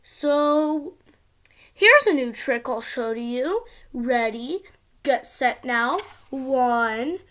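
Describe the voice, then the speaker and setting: A girl of about ten with an expressive, sing-song delivery, reading a storybook aloud as if to small children. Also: high-pitched, very slow. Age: child, around ten. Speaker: young video channel host reading a picture book. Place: small indoor room at home.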